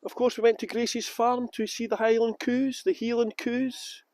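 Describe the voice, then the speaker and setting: An Edinburgh man with a Scottish accent leads a tour group outdoors beside a canal boat lift, joking around and playfully mock-pronouncing words. His voice is very high and darkish, with a level tone and a moderate pace, and the recording is dry.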